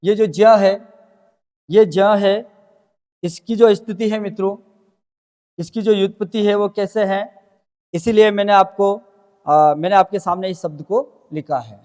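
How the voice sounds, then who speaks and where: High-voiced man teaching in a reverberant room. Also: a little slow, pauses often, darkish tone. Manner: addresses students as friends, explains step by step, asks and answers own questions. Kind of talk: classroom grammar lesson.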